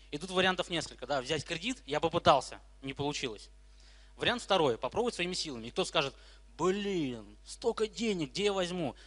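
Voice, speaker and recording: Brisk lisping young man in an echoey hall. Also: on the high side, fairly bright tone. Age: 20s. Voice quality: lisp with slushy sibilants from braces. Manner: blunt, brash, slangy. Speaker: speaker at a startup investment talk. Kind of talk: informal public talk to an audience. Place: hall with live audience. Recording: echoey hall with long reverb.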